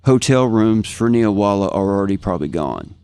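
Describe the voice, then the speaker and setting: A Kansas-born professional guitarist with an American accent talks a little fast as a podcast guest, reminiscing in a casual, enthusiastic way and repeating phrases for emphasis. His fairly low voice is expressive, darkish, clear and resonant. The sound is dry.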